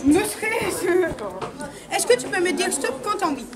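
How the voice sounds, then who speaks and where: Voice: extremely high pitch, animated, moderate pace. A kids party magician doing live show patter, giving volunteers instructions and questions, recorded in a large indoor room. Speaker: magician performing card tricks. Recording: large echoing hall with loud crowd noise.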